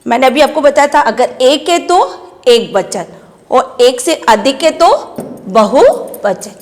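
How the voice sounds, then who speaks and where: A woman teaches young children a Hindi lesson in a fairly high voice. She talks slowly and patiently, asking questions and repeating the answers. Her voice carries a long reverb, as if in an echoing room. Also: animated. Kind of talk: primary school Hindi lesson.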